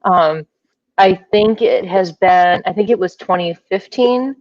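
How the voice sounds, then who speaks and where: A woman's voice: medium pitch, measured pace, a little mellow, dry recording. A woman attorney speaking as a guest on a video call, hesitant and thinking aloud. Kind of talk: casual video-call interview. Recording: dull distant video-call audio.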